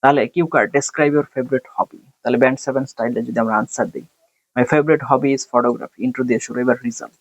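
A man teaching an IELTS speaking lesson over a computer screen, switching between quick explanation and slowly read English example answers. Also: mid-range voice, fairly even intonation, dry recording. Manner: reads English model answers slowly and deliberately. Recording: dry, dull lo-fi recording.

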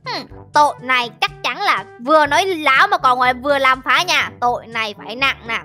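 A woman's voice: high-pitched, brisk, pushed and bright, soft background music, voice pushed down. A woman playing a bossy trigger-happy game cop. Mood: mock-stern. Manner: blustering, threatening mock-stern. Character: bossy, trigger-happy male village police officer.

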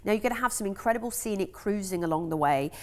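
A woman's voice: medium pitch, expressive, fast talker, a little mellow. A woman with an English accent presenting cruise deals on a shopping channel, chatty and enthusiastic with frequent ums.

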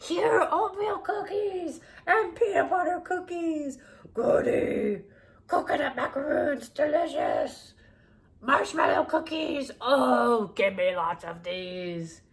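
A woman voicing a greedy, excitable furry monster who craves cookies, gravelly and talking in broken grammar, in a storybook read-aloud. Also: high-pitched, slow, voice pushed up. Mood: greedy excited.

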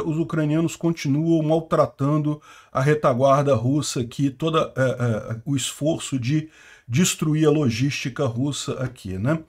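A Brazilian man hosts a war news channel, giving news commentary over a map in a slightly high, somewhat mellow voice. He's informal and strongly opinionated, frequently closing sentences with a questioning "né?"

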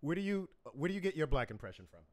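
A man's voice: a little high, sing-song, very fast, a little mellow. A man hosting a casual interview, joking and teasing his guest and laughing often. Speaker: host.

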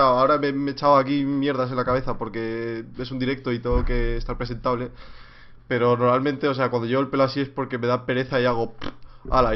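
Jokey Spanish man on a dull stream. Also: medium pitch. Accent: Spain. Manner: rambling and jokey, with sudden loud jumps. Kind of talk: casual livestream Q&A. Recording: slightly dull lo-fi stream audio.

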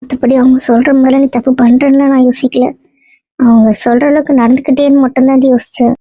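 A woman's voice: high voice, little pitch movement, fast talker, warm tone, dry recording. A woman playing a grieving mother who pleads with her injured daughter in a tearful monologue. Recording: dull dry lo-fi recording.

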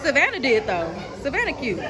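A high-voiced young woman chats playfully into her camera as she walks a campus, with a busy crowd murmuring around her. She laughs easily and hypes up her friends. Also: wildly swooping pitch, fairly quick. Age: young adult. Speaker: vlogger, college student. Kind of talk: casual vlog chat. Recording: crowd noise outdoors.

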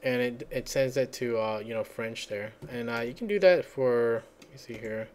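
With keyboard typing audible behind him, a man hosts a laid-back software screencast, thinking out loud and searching for words as he rambles. His mid-range voice moves at a normal speed and has a darkish tone.

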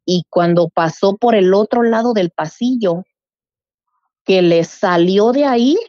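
Middle-aged woman, animated casual storyteller, warm tone, dull dry lo-fi audio. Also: mid-range voice, a little slow, no room sound. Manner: animated, acts out quoted voices. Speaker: guest telling a true story.

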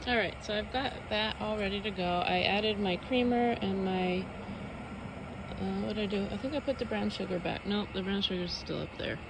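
A young woman who lives out of her car vlogs casually from a forest campsite, filming on a handheld phone held at arm's length. She thinks aloud with plenty of fillers in a medium-pitched, creaky voice at normal speed, and the background is noisy.

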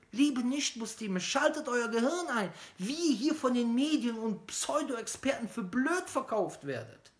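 Indignant, mocking preacher in a roomy space. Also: male voice, very high-pitched, a bit bright. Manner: indignant, mocking, fires rhetorical questions, drops to sneering murmurs. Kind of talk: sarcastic video statement. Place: small indoor room. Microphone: phone camera at close range. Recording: roomy echo.

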